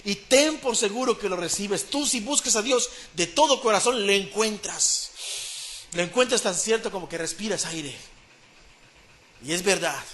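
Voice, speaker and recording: A man with a Mexican Spanish accent preaching a sermon, swinging between hushed pleading and loud, fervent repetition. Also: high-pitched, moderate pace, a little hiss or hum.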